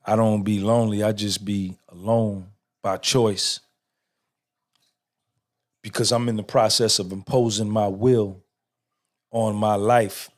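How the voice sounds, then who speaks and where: A man's voice: on the low side, flat delivery, takes it slowly, pauses often. Swaggering middle-aged man preaching. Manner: emphatic, swaggering, repetitive, profane. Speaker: podcast host. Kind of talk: motivational monologue.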